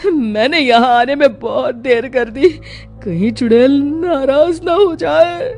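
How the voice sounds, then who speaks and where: Panicky comic farmer man, female performer: high, slow, lamenting, music underneath. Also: a little mellow. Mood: whining dread. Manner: whimpering, lamenting exclamations. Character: timid, panicky village farmer man, forever fretting. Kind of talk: comic audio storybook acting.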